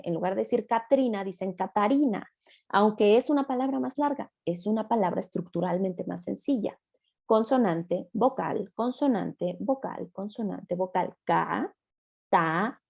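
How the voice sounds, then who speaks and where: A woman's voice: mid-range voice, vocal fry, warm tone. A middle-aged woman, a speech therapist giving an online master class, explaining step by step and acting out imagined questions from her listeners.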